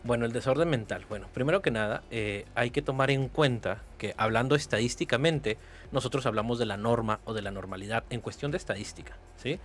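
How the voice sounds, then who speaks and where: A man in his thirties with a northern Mexican accent talks quickly as an interview guest. He explains ideas step by step and keeps checking in with his listener through short tag questions. His voice sits at a middle pitch for a man. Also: a little hiss or hum. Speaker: psychotherapist guest.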